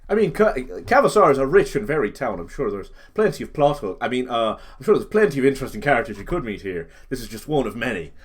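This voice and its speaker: A man's voice: medium pitch, big pitch swings, fast, hardly any pauses, slightly rough. A man casually narrating a tabletop role-playing game, joking and slipping into characters' lines as he goes.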